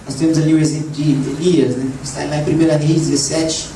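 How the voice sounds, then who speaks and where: A slightly hoarse man preaching a lively sermon to a congregation, often asking "né?" and rising into shouts. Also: fairly high pitch, fairly quick. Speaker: evangelist preacher. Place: church hall. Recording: echoey church room, voice from far off, background noise.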